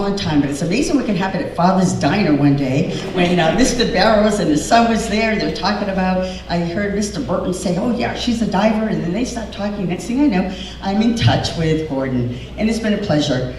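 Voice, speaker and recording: A woman who hosts a community event and also dives addresses an audience loudly in a large, echoey hall, chatting and rambling with plenty of fillers. Her fairly low voice has lively intonation and runs a little fast. The recording sounds distant and echoey, with faint noise.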